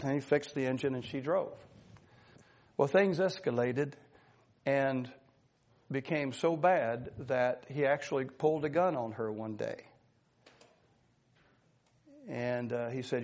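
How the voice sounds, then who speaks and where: A man's voice: a little high, a little mellow. A man preaching a sermon, telling stories earnestly and then exhorting his listeners. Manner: earnest storytelling, pleading and exhorting.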